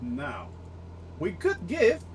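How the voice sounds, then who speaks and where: A man's voice: high voice, huge pitch swings, very slow, a little hiss or hum. A man streaming a flight simulator, talking like a pilot over a cockpit headset, chatty and rambling with fillers while he addresses his viewers. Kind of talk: casual live-stream commentary.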